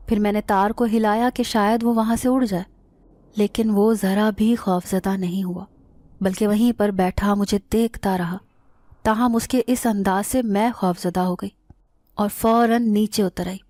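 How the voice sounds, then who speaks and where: A woman narrating a scripted first-person horror story in a steady, dramatic manner. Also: medium pitch.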